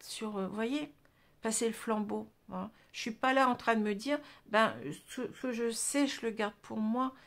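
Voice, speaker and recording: Chatty French woman reading tarot. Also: a little high. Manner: chatty, frequent "hein" and restarts. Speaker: tarot card reader. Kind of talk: casual monthly tarot reading.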